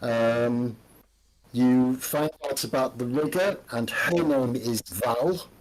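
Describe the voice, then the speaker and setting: A man narrating as game master in a tabletop game, halting and full of ums. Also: mid-range voice, rough recording.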